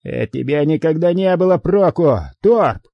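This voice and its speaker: A man's voice: fairly high pitch, big pitch swings, moderate pace, gravelly, breathy edge, no echo, lo-fi sound, voice pushed up, full character voice. A man voicing a ruthless middle-aged London gang boss who snarls his threats. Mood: snarling, threatening. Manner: snarling, menacing.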